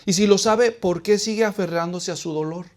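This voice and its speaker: A man from Latin America preaching a sermon in a high voice. He puts questions to his congregation and answers them himself. His delivery swings between hushed pleading and loud emphasis. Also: moderate pace.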